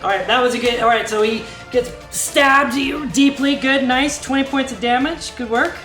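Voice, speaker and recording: Brisk higher-voiced woman game master, echoey room. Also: a bit bright. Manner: brisk, commanding calls of rules and countdowns. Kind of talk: narrating a live tabletop game. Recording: echoey room with music behind.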